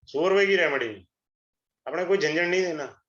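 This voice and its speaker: A middle-aged man giving an astrology webinar, a persuasive, salesy pitch that mixes Hindi and English. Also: moderate pace, a bit bright. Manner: switches between Hindi and English. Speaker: astrology teacher. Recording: echoey room, dull lo-fi sound.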